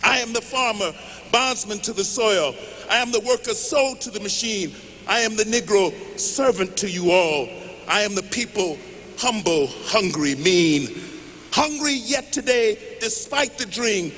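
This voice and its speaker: A man reciting poetry as an impassioned rally speech, declaiming in measured phrases. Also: sits high, expressive, fairly bright tone. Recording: noisy large hall with long reverb.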